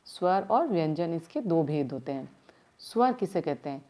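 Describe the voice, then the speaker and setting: A woman teaching primary school grammar in a slow, step-by-step way, asking her class questions as she goes, with words her speech. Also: low-pitched, sing-song, warm tone. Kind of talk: recorded grammar lesson.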